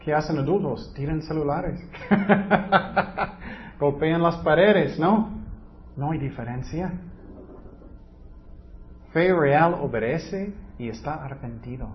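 A man's voice: a little high, slow pace, pauses often, muffled recording, slight background noise. A man preaching a sermon, teaching earnestly and asking his listeners rhetorical questions.

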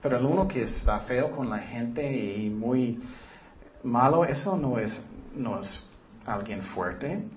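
A man's voice: mid-range voice, expressive, slow, a little hiss or hum. A man preaching a sermon in an earnest way, often putting rhetorical questions to the listeners. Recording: dull lo-fi recording.

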